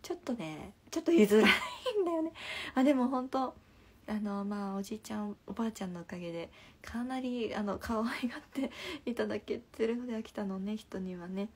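Young woman, live-stream host. Breathy, husky voice, chatty, with frequent half-whispers. Recorded on a phone. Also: medium pitch, fairly quick. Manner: chatty, drifts often into soft half-whispers. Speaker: livestream host. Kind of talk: casual live-stream chat answering comments.

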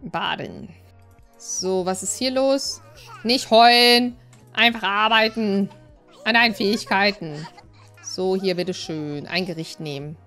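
A woman's voice: medium pitch, unhurried, bright, forceful tone. A woman giving casual let's-play commentary, bossily talking to and scolding her game characters. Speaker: gaming streamer. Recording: faint game music behind.

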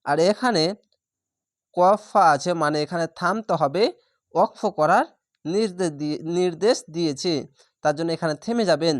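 A man teaching Quran reading who spells out each letter and vowel mark before slowly reciting the whole word. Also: high voice, dry recording, clean studio sound. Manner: draws out recited words slowly.

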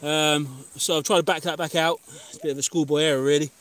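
A man's voice: a little high, fairly even intonation, fast talker, a bit bright. A man in his thirties with an English accent, chatting casually to viewers on a live stream while fishing from a beach. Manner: chatty, matter-of-fact, talks to viewers. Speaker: fishing channel host. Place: pebble beach outdoors.

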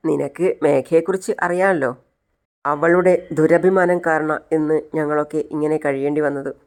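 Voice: mid-range voice, steady tone, moderate pace, natural voice. The narrator voicing a grumbling middle-aged uncle.

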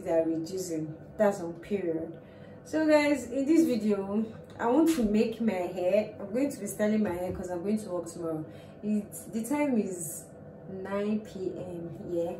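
A young woman with a Nigerian English accent, chatting casually and rambling a bit to her vlog camera at home. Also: mid-range voice. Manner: chatty and rambling, self-mocking. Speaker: vlogger. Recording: roomy, distant sound with faint noise.

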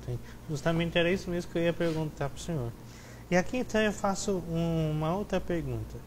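A man's voice: a little high, a little fast, a little mellow, a little hiss or hum, poor audio. A young man, a priest hosting a religious TV program, greeting viewers and asking questions in a friendly, formal manner on a lapel mic in a studio. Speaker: TV host, priest. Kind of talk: TV interview hosting. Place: TV studio with chapel set.

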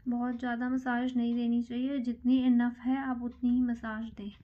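A woman beautician calmly explaining a facial massage step by step in a salon, counting strokes aloud as she works. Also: on the high side, moderate pace, dull audio. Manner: calm, counts strokes aloud while working. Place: salon treatment room.

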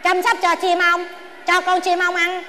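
A woman with a Southern Vietnamese accent playing a stubborn, sharp-tongued old wife who bickers with rapid comebacks in a comedy sketch. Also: extremely high pitch, completely flat delivery, heavily acted. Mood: bickering. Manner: quarrelsome, exclaiming, rapid comebacks. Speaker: comic actress. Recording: noisy background ambience.

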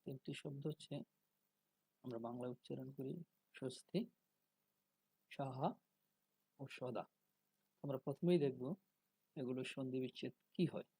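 A man giving a spoken lesson on pronunciation, slow and deliberate, drawing out syllables to demonstrate them. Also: mid-range voice, steady tone, creaky, mellow, husky, no echo, low-quality recording. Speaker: religious teacher.

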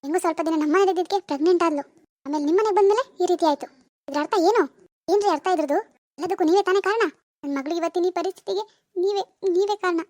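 In a dry, studio-quality recording, a woman with a very high voice rattles off lines at rapid-fire speed. Doing animated cartoon voice acting, she plays a furious middle-aged mother shouting blame at her daughter's in-laws.

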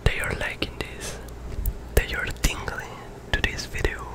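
A young man performs fast aggressive ASMR entirely in a whisper. He speaks right up against a condenser microphone in a small room. His short words and phrases come in repeated bursts. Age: young adult. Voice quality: whispered, unvoiced. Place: small plain room indoors. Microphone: large desk condenser microphone, very close.

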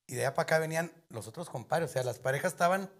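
Comediante mexicano norteño, grosero y rápido. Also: male voice, a little high, expressive, very fast. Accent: northern Mexican. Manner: rowdy, profane, laughing. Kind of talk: telling off-color jokes on a show.

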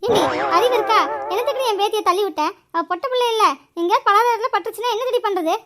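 A woman's voice: very high voice, rapid-fire, fairly bright tone. Woman voicing a bossy old grandmother. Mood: scolding. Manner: scolding, nagging. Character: older grandmother, bossy mother-in-law, quick-tempered.

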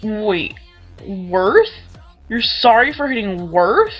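A woman's voice: mid-range voice, slow, slightly rough, dull audio, faint music behind, full character voice. Woman voicing Hanna, a bouncy young ghost hunter. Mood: teasing. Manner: excitable, teasing. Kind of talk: fan audio drama.

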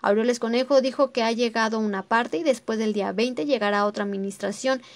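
A woman's voice: a little high, brisk. Woman reading a formal news report. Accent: Mexican Spanish. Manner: steady formal delivery.

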